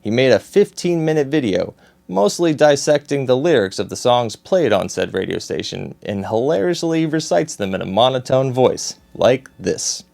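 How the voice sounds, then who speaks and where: A man's voice: mid-range voice, animated, normal speed, vocal fry, darkish tone. A man reading scripted satirical news in a dry, mock-serious anchor voice.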